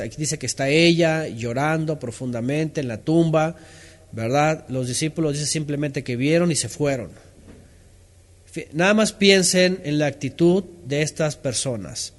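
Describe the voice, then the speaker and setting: A man teaching a Bible lesson, asking questions, reading out listeners' answers and reading passages aloud with comments. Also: on the high side. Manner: asks questions, reads out responses from listeners; reads scripture aloud, stopping to comment.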